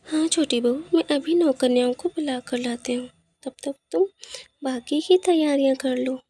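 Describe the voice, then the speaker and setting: A woman's voice: high-pitched, moderate pace, dark tone. A woman voicing a stern, scolding mother-in-law in a cartoon story. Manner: bossy, scolding.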